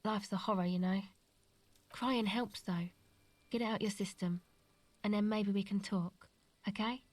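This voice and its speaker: A man voicing a blunt, sullen young woman, speaking softly and quietly in a raised voice. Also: high-pitched, fairly even intonation, unhurried, pitched above the performer's own voice. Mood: weary. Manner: soft, quiet and dismissive, then apologetic.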